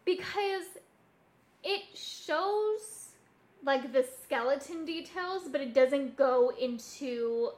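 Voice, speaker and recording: Chatting casually on a podcast she co-hosts, a woman shares haunting stories, musing aloud and hesitating now and then. She sounds animated and slow, with a high voice and a somewhat dark tone.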